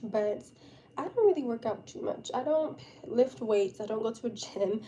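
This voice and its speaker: Giggly young woman chatting, higher mellow voice. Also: moderate pace. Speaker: live streamer. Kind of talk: casual live chat with viewers. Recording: steady background noise.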